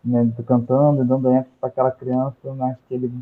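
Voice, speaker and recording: Flat-voiced Brazilian man on a tinny line. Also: mid-range voice, brisk. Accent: Brazilian Portuguese. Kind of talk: casual discussion.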